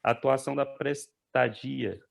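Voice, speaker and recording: A man in his late thirties, a student speaking up in an online class, talking slowly and hesitantly and restarting his sentences. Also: medium pitch, fairly even intonation, creaky. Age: 30s.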